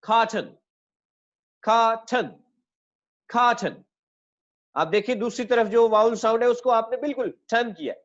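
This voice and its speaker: A male English teacher explaining word stress, saying each example word again and again, slowly drawing out the stressed syllables, and calling his listeners children. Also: very high-pitched, muffled recording. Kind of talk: classroom-style lesson.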